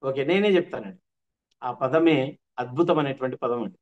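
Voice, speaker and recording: A man's voice: mid-range voice, a little fast, muffled recording. A man teaching an online workshop, repeating his points with emphasis. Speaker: trainer.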